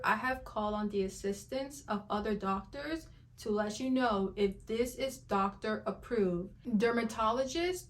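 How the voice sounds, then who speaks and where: A woman with a fairly high voice reacts to skincare videos in an emphatic, disbelieving way. She repeats her points for effect and laughs often as she comments.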